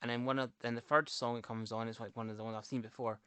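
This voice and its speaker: Easygoing English male co-host, clear smooth voice, casual chat. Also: mid-range voice, level tone, fast talker, a bit bright, no echo. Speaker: podcast co-host.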